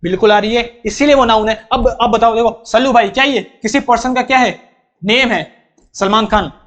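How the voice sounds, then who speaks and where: His voice is extremely high at a normal speed, with a fairly bright tone. Teaching grammar emphatically in classroom style, he keeps asking and answering his own questions and repeats terms to drill them.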